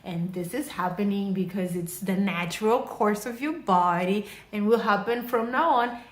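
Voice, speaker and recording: Woman doing her calm, soothing mother. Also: moderate pace, echoey room, close to an everyday voice. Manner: soothing, lowered, explanatory. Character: calm, reassuring middle-aged mother.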